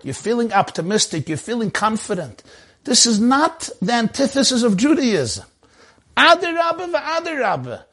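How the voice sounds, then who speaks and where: Male rabbi, high voice, animated preaching, emphatic rhetorical questions, Hebrew and phrases. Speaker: rabbi giving a talk. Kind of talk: animated sermon on a video call. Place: video call.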